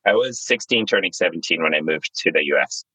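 A Zimbabwe-born man in his thirties, a startup founder, tells his life story in a candid, relaxed way. His voice is very low and recorded close and dry. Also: fast talker, husky, no echo, poor audio. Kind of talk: interview guest, storytelling.

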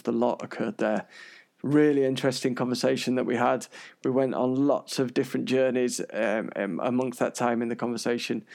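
Wheezy British man with a creaky voice. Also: mid-range voice, a little mellow. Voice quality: wheezy, audibly breathy from illness. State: unwell, wheezy breathing. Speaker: podcast host. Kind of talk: chatty scripted podcast monologue.

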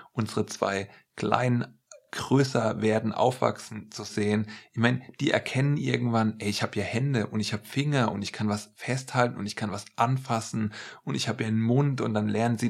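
A man preaching a sermon in an earnest, measured way, stressing words slowly. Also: on the low side, gravelly.

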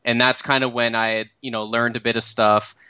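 Sitting for a casual podcast interview, a Canadian founder in his thirties shares how his startup came about, stumbling through plenty of fillers and restarts. The mid-range voice moves briskly with a clean tone, no room sound, and a lo-fi quality overall.

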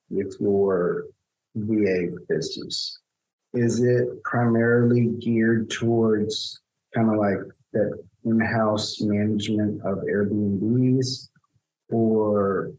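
A man's voice: fairly low pitch, darkish tone, low-quality recording. A man hosting a podcast interview, asking hesitant questions with repeated words. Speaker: podcast host.

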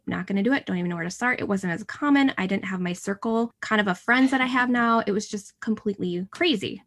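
A woman in her forties hosting a casual conversation, talking with enthusiasm. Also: medium pitch. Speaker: host.

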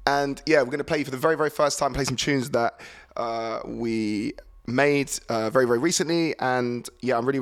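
A man's voice: medium pitch, a bit bright. A male DJ and podcast host chatting casually between tracks in a studio, rambling a little and reading out listener comments. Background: music.

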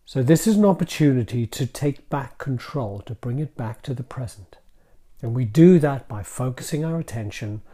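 A man guiding a calm grounding exercise in a gentle, soothing manner, leaving deliberate pauses between short phrases. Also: mid-range voice. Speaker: mindfulness practice guide.

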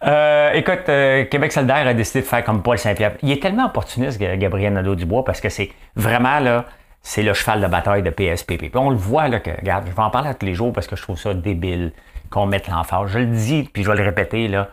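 Speaking fast in a lowish voice, a Quebec French-accented man rambles through an animated comic monologue. Fillers and repeated words run all through it.

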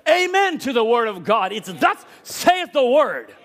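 High-voiced preacher, shouting in bursts. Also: male voice, big pitch swings. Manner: emphatic preaching with bursts of shouting and quick asides. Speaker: pastor. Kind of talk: sermon. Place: church service.

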